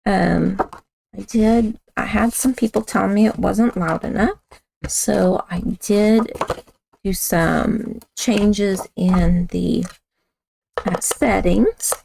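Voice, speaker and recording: A woman with a raspy voice, chatting casually as she demonstrates a card-making craft and talks while she works. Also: medium pitch, steady tone, slow, dark tone, a little hiss or hum. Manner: chatty, talks while working with hands, self-correcting. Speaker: craft instructor.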